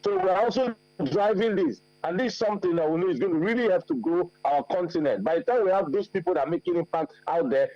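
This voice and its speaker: A man's voice: sits high, fast, no echo, highs cut off. A man answering questions as a guest on a TV news interview, emphatic, repeating key points with many fillers. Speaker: forum organizer guest.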